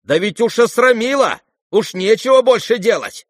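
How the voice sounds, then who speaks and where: Гневная пожилая дворянка в исполнении мужчины, высоко, сухая запись, аудиокнига. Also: male voice, sits high, animated, normal speed, dry recording, clean studio sound, voice pushed up. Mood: indignant. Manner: indignant, scolding, exclamatory. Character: imperious, furious older noblewoman scolding guests. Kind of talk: audiobook character reading.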